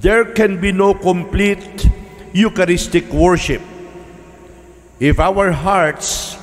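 An older Filipino-accented priest delivers a homily at a lectern mic in a large church. His pace is unhurried and deliberate, key words repeated, and the voice carries a long ringing reverb from the sanctuary. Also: high voice, fairly even intonation. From Philippines. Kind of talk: sermon. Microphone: stand mic at a lectern. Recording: church reverb from a live stream.

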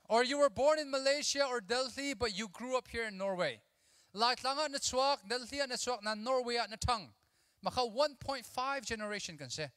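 A man in his thirties gives an energetic, animated sermon to a youth audience from a church auditorium stage. He talks into a handheld mic, mixes English with his own language, and drills the crowd with call-and-response. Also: extremely high pitch, no room sound, studio quality, in a large hall. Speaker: youth conference speaker.

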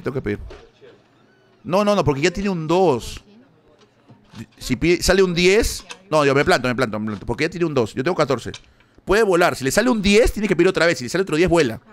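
A man's voice: a little high, expressive, moderate pace. A man from Peru with a Peruvian Spanish accent, commentating a live stream as he thinks aloud and yelps when things go his way.

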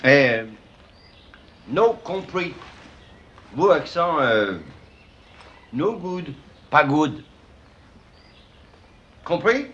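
A man's voice: a little high, big pitch swings, very slow, long pauses, a bit bright, echoey room, highs cut off, a little hiss or hum, full character voice. An actor playing a Frenchman who insists on speaking broken, mangled English with emphatic stress, in a 1970s film comedy. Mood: insistent.

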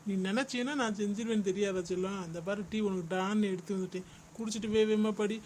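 A man voicing a doting young cartoon husband who speaks fondly and softly to his wife. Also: high-pitched, fairly even intonation, fast, slight background noise, natural voice. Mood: affectionate. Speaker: son. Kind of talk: cartoon comedy voice acting.

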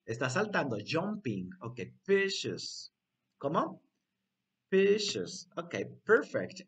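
Lively, playful bilingual children's teacher. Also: male voice, fairly high pitch, slow, breathy edge. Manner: bilingual, repeats words for children to echo. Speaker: English teacher. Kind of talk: online English lesson for young children.

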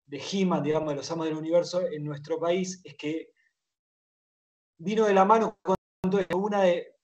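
A man's voice: fairly high pitch, steady tone, normal speed, lo-fi sound. A man in his thirties from Argentina with an Argentine accent, a guest on a video call on a headset, explaining things and checking that he is understood. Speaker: guest author. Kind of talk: casual video-call interview. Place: home room with toy shelves.

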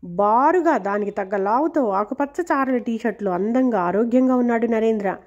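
Woman reading a novel aloud, slightly high. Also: normal speed, darkish tone. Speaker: audiobook reader. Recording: dull lo-fi recording.

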